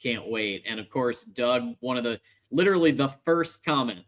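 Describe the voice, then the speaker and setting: Guy hosting a casual sports stream, really bright forceful voice, upbeat chatty patter. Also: medium pitch, expressive, moderate pace. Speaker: sports show host. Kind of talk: casual livestream sports talk.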